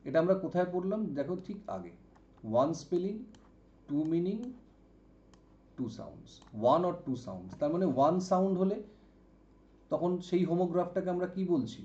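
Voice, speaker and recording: A man with a fairly high but mellow voice explains vocabulary, repeating each example word and asking whether his students follow. The sound is dull and carries room echo. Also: expressive. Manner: explains slowly, repeats words and asks "ok?". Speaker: English vocabulary teacher. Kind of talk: exam-prep lesson.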